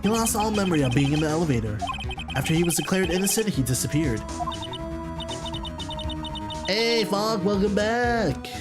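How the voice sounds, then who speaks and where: A woman's voice: low-pitched, lively intonation, fast talker. A woman giving casual playthrough commentary as a video game streamer. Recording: loud music behind the voice.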